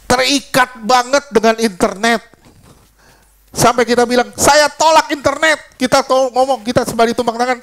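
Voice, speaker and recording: This middle-aged preacher, a man with a high-pitched voice, is lively and casual in his sermon. He moves back and forth between stories and preaching, peppering the congregation with rhetorical questions, all in a conversational tone.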